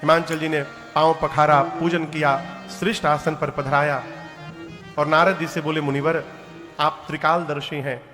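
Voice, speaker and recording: A man's voice: a little high, moderate pace. A middle-aged man telling a devotional story as a sermon, acting out the characters and breaking into sung verses. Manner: animated storytelling, chanted verses, voices for characters. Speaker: kathavachak storyteller preacher. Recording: large hall with long reverb. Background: devotional music playing.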